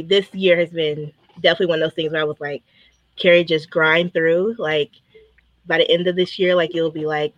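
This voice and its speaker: A woman chatting as an interview guest over a video call, quick to laugh and full of casual filler words. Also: lowish voice, no room sound, lo-fi sound. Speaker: interview guest, business owner.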